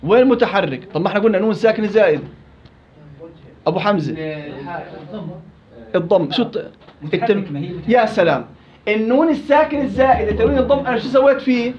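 A man teaching Quran recitation rules, quizzing his students and repeating words slowly. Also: high-pitched, highs cut off, crowd noise. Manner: quizzing students, drawn-out slow repetitions. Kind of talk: interactive tajweed class.

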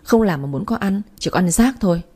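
A woman's voice: medium pitch, lively intonation, a little fast, dark tone, breathy edge. A woman reading as a sneering, scheming stepmother. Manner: sneering, falsely sweet. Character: scheming spiteful young stepmother.

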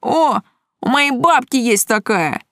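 A woman reading an audiobook voices a rowdy young male lackey who speaks in a raised, excited voice. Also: a little high, normal speed, no echo, studio quality, pitched above the performer's own voice, close to an everyday voice.

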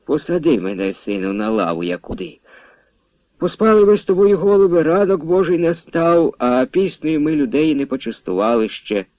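A man voicing a gentle, fatherly old blind minstrel. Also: a little high, sing-song, normal speed, no echo, narrow, tinny audio, pitched above the performer's own voice. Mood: warm. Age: older.

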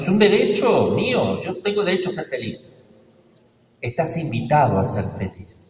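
A priest from Argentina giving a sermon, preaching emphatically with sudden loud stresses and hushed asides. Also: male voice, medium pitch. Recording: distant roomy church recording, dull sound, faint noise.

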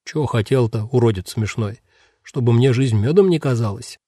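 A man voicing a sullen male guard who grumbles back in a low, muttered voice. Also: moderate pace, warm tone, no room sound, clean studio sound, natural voice. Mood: grumbling.

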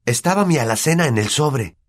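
A man's voice: high-pitched, expressive, normal speed, darkish tone, voice pushed up. An indignant young boy who insists on what is his, as a male narrator with a Latin American Spanish accent puts him on. The voice is lifted well above the reader's own. It sounds like a storybook hero standing his ground. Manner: insistent and angry.

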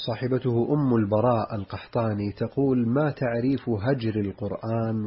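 A man's voice: lowish voice, breathy edge. A man hosting a radio program, reading listener questions and interjecting brief acknowledgements. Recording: muffled lo-fi radio recording.

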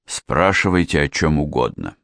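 A man's voice: low voice, measured pace, clear, resonant tone, no room sound, clean studio sound. A man reading a melodramatic grieving widow. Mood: wailing. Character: theatrical grieving widow, dramatic and self-pitying.

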